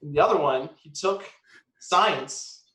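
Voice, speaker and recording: A man's voice: fairly high pitch, slow, sharp tone, roomy sound. A man chatting casually about movies and science, rambling with lots of fillers and hedges. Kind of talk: casual chat.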